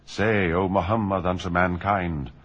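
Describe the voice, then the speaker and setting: A man reading a scripture translation aloud in a measured, solemn way. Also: low-pitched, fairly even intonation, breathy edge, muffled recording. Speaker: reader.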